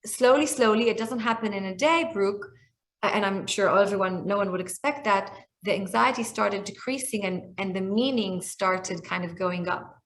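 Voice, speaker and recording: Here a woman in her forties from Israel, whose native tongue is Hebrew, speaks as a guest in a video call conversation. Her medium-pitched voice moves at a moderate pace, and she comes across as reflective, with frequent restarts and fillers.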